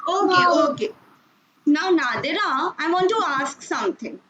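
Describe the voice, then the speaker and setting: A teacher with a high-pitched voice runs an online class for young children, coaxing them along and praising them often at a normal pace. Her voice arrives over a dull, muffled video-call line with a steady background hum.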